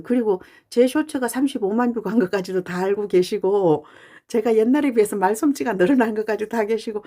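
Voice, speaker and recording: A woman fan channel YouTuber talking casually and earnestly to her viewers, pausing often with "uh". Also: mid-range voice, mellow. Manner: chatty and earnest, with frequent "uh" pauses. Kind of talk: casual talking-head monologue.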